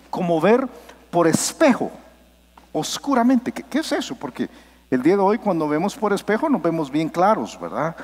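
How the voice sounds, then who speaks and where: Pastor, male, preaching in a reverberant church hall with a very animated delivery. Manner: lively preaching, acts out quotes with sudden pitch drops. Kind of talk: sermon. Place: church sanctuary.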